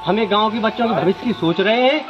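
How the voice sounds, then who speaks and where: A man's voice: high-pitched, fast. A man from rural Madhya Pradesh, a village resident earnestly and indignantly airing complaints in an on-the-spot outdoor interview. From Datia district, Madhya Pradesh, India. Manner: earnest, indignant, talks in short bursts. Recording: dull lo-fi sound with music behind.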